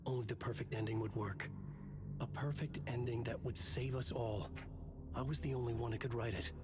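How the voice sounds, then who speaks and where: A man's voice: mid-range voice, fairly even intonation, moderate pace, music in the background, close to an everyday voice. Man as a grave, troubled writer hero. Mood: grave, desperate. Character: troubled, earnest male writer hero, grimly driven. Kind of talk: dramatic game dialogue and monologue.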